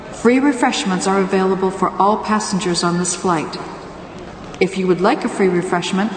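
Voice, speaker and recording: A woman playing an airport flight announcer, reading a formal public-address announcement in a measured way and spelling out the numbers. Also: mid-range voice. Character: calm adult female airport flight announcer. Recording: echoey hall with long reverb.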